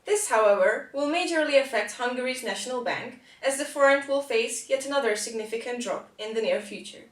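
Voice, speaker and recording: A woman's voice: on the high side, fairly quick, lightly acted. A woman playing an earnest parody news anchor, reading mock news in a formal delivery. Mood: formal, serious. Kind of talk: scripted mock news report. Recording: roomy, echoing amateur recording.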